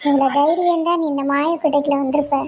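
A woman's voice: high voice, steady tone, fast talker, darkish tone, lo-fi sound, close to an everyday voice. A woman voicing a sly man who coaxes a girl to trust him in a magic fort story, in a noisy recording. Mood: coaxing. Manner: coaxing, insistent. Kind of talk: storybook voice acting.

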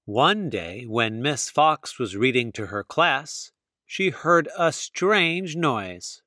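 A man reading a children's picture book aloud, slow and expressive. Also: mid-range voice, no echo, clean studio sound. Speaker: storybook reader. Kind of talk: children's read-aloud narration.

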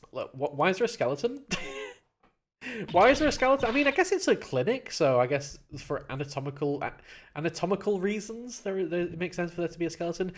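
Commenting on their playthrough, a let's play gamer reads the in-game lines aloud and playfully pitches up for character voices. There's slight background noise.

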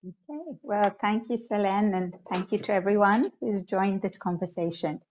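A middle-aged woman from Tanzania, an executive coach speaking as a guest. She talks in a measured, thoughtful way from home on a video call. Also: mid-range voice, a little mellow, a little hiss or hum. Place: room at home. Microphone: laptop webcam on a video call. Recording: dull lo-fi video-call audio.

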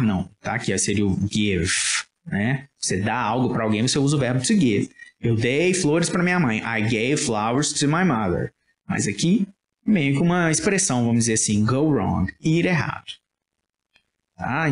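A man with a Brazilian Portuguese accent, teaching English in a casual lesson and patiently checking that listeners follow. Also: mid-range voice. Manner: explains patiently, checks understanding often with "tá?". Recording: roomy echo.

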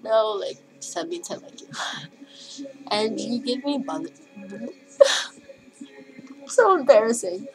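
A teenage girl records a rambling video message in her bedroom, giggling nervously and swearing freely as she talks. Her voice sits at a middle pitch for a woman. Faint music plays behind her. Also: rough recording. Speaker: vlogger. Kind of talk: casual video message to a crush. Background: faint music playing.

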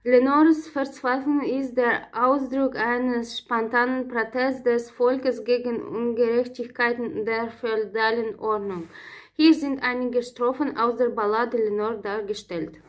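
A woman's voice: a little high, fairly even intonation, a little slow. A woman reading a prepared lecture aloud from notes, with frequent hesitations and small self-corrections. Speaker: presenter of a literature talk.

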